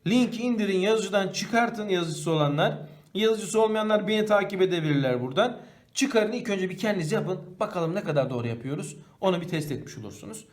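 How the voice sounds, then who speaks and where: A man with a fairly high voice teaching a primary school grammar lesson. He puts a question to the class and then answers it himself. He slows down to read each example sentence aloud. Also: expressive. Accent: Turkish.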